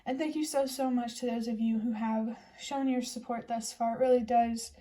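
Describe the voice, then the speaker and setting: A young woman chats through a tarot reading in a gentle, reassuring manner. Her voice sits a little high but sounds mellow and dark-toned. She speaks in an even, level way. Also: moderate pace. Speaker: tarot reader. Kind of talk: casual tarot reading to camera.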